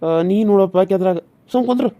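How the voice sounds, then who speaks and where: Woman voicing a mellow-voiced devoted village husband. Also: medium pitch, fast, highs cut off, close to an everyday voice. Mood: frustrated. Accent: North Karnataka Kannada. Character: devoted village husband, young man, gentle. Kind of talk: cartoon serial voice acting.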